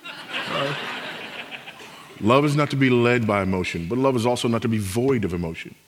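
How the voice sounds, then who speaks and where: A man's voice: mid-range voice, fast talker, long reverb tail, noisy background. A man preaching a sermon as pastor, emphatic, repeating his key phrases.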